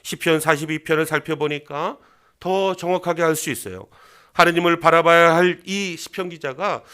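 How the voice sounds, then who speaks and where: Korean pastor preaching with earnest questions. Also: male voice, fairly high pitch, normal speed, sharp tone, smooth. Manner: earnest, asks the congregation questions, acts out mocking voices. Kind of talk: sermon. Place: church sanctuary.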